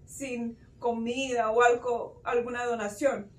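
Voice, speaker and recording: A woman's voice: fairly high pitch, flat delivery, slow pace. A woman voicing a scheming demon king disguised as a beggar, wheedling and guilt-tripping, in a children's storybook telling. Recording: roomy echo, distant mic.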